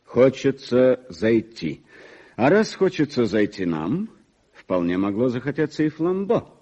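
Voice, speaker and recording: An actor playing a brisk, commanding detective on a chase, giving terse orders, heard as an old radio play recording. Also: male voice, medium pitch, very animated, mellow, highs cut off. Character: brisk sharp-witted male detective on a chase.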